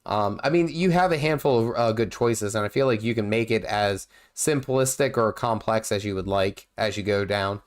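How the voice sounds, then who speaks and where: Speaking at normal speed with hardly any pauses, this man has a lowish voice made nasal by feeling under the weather. He's hosting a gaming livestream, chatting casually as he plays, with plenty of fillers and false starts.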